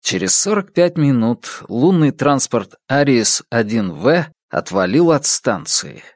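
Male audiobook narrator, mid pitch, lively delivery, dry close sound. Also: no room sound. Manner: expressive, measured reading. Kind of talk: scripted narration.

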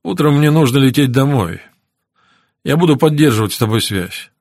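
A kind, steady man talks gently to a friend in a hospital bed, as a male audiobook narrator voices him. The voice sits at an ordinary middle pitch and is recorded dry and close. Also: normal speed, no echo. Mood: gentle. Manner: gentle and warm. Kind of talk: audiobook character reading.

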